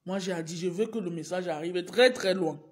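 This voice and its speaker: In a casual live stream, a woman teacher fighting a cold repeatedly presses her viewers, pausing to cough and clear her throat. She speaks at a fairly low pitch and a normal pace.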